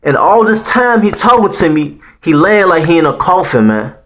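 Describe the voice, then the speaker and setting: A Haitian man in his thirties, speaking with a Haitian accent, tells viewers a personal story in a casual, slangy and profane way. His voice sits high and sing-song, a bit bright, at normal speed, and he keeps dropping "man" and "you know what I'm saying."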